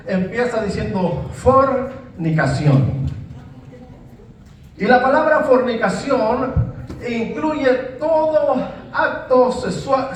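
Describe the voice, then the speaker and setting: High-voiced preacher in echoey church. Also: male voice, a little hiss or hum. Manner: emphatic, repeats words and says amen often. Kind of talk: sermon. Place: church hall. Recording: very echoey church hall, mic at a distance.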